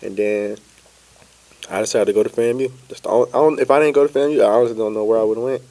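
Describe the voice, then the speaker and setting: Young dude, warm mellow voice, easygoing guest just talking about his life. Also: mid-range voice, fast talker. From Pensacola, Florida. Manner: easygoing, relaxed storytelling with many fillers. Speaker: podcast guest, entrepreneur. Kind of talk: casual interview chat.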